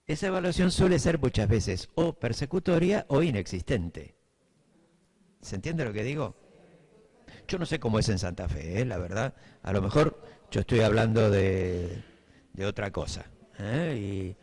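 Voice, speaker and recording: Fairly low in pitch but with big swings, this slightly mellow, breathy-edged voice moves at a measured pace. It is a middle-aged man from Buenos Aires, Argentina, lecturing teachers in the local accent, thinking aloud with fillers and checking often that they follow.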